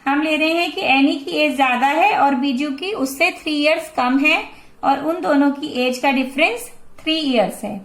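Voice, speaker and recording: Indian woman, math teacher, high voice, patient explaining, roomy echo. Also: a bit bright. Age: 40s. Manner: slow, patient explaining that mixes Hindi and English. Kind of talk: classroom lesson explaining a math problem.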